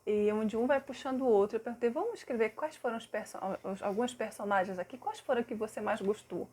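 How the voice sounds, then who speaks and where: A woman from Brazil, a literacy teacher, recounts a case study and explains it, stretching words out slowly to model syllables and vowel sounds. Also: a little high, darkish tone, breathy edge.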